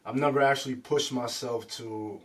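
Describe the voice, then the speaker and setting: A man from Poughkeepsie, New York, a rapper guest talking about himself in a relaxed, laid-back way with plenty of fillers. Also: mid-range voice, moderate pace, recorded from a distance. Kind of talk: casual interview.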